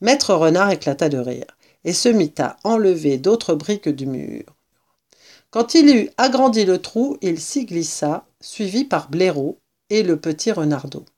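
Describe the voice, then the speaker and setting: Woman narrator for a children's storybook, lively pitch, unhurried.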